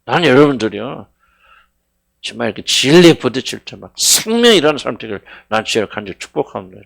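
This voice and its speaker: A middle-aged man preaching a sermon as senior pastor, fervent, swinging between loud cries and hushed words, questioning his congregation. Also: medium pitch, very animated, fast talker, vocal fry. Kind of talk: sermon at a Friday prayer meeting.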